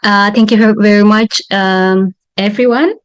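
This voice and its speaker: A woman from Ethiopia presenting her research on a video call, halting with frequent fillers and restarts. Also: mid-range voice, fairly even intonation, clean tone. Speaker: presenting fellow.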